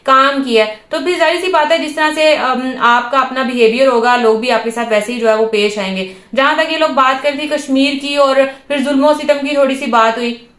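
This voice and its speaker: A young woman from Pakistan hosting a reaction video, giving her opinion in a thoughtful, measured way with many pauses and fillers. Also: sits high, a bit bright. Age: young adult. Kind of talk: casual reaction commentary. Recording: echoey room.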